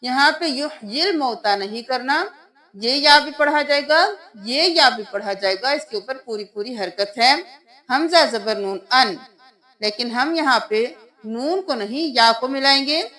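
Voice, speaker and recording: A woman's voice: sits high, pushed and bright. A woman with a Pakistani Urdu accent teaching Quran recitation, explaining letters and vowel marks patiently step by step. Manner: patient step-by-step explaining, then slow drawn-out chanting of verses. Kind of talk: spelling-out recitation lesson.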